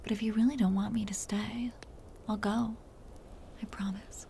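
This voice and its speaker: Vampire countess played by a woman: possessive yet doting, breathy close-up whisper with a creaky edge, mellow and soothing, intimate ASMR roleplay. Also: mid-range voice, level tone, slight background noise, close to an everyday voice. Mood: vulnerable, wistful. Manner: slow, soothing, teasing endearments.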